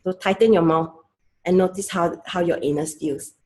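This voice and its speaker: A woman, a clinical sexologist giving a calm educational talk in short, explanatory phrases. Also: on the low side, moderate pace. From Singapore.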